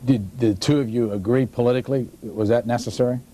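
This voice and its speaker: A male TV host asking measured questions of a guest in a studio interview. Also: mid-range voice, steady tone, mellow.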